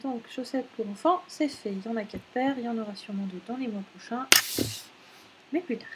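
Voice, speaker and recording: A woman's voice: on the high side, brisk, very noisy. A woman in her thirties chatting casually at home as a knitting vlogger, rambling with many fillers and self-corrections. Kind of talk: casual chat.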